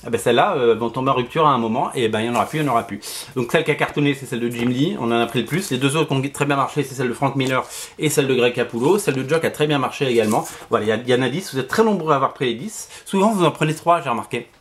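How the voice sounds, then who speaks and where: A man's voice: medium pitch, rapid-fire, a bit bright. A man with a lisp and slushy s sounds, giving casual promotional chat to viewers as a shop seller, hesitant and repeating his phrases. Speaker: comic shop seller presenting his show.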